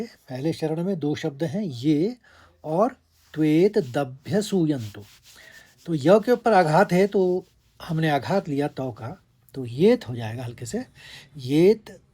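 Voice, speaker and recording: A man's voice: a little high, dark tone. A man teaching a devotional lesson, chanting Sanskrit verses and carefully breaking them into syllables to show where the stress falls. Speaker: scripture teacher.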